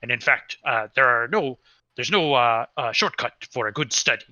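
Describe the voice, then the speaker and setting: A man's voice: mid-range voice, moderate pace, pushed and bright, lo-fi sound. A man voicing a refined, self-satisfied male ogre in a tabletop game, speaking in a fussy, hesitant way. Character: refined, polite, well-groomed male ogre.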